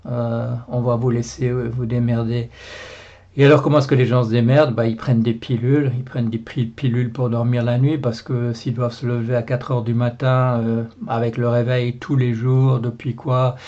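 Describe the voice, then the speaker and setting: A man's voice: mid-range voice, level tone, moderate pace, mellow, lo-fi sound. A Belgian man with a Belgian French accent, a blogger talking alone to camera in a rambling, indignant way with many fillers and repeats. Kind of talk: casual video monologue.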